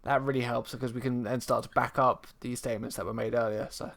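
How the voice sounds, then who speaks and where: A young man hosting a live stream, chatting casually, laughing often, with sudden loud bursts. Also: mid-range voice, flat delivery, quick pace, vocal fry, a crowd in the background. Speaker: stream host.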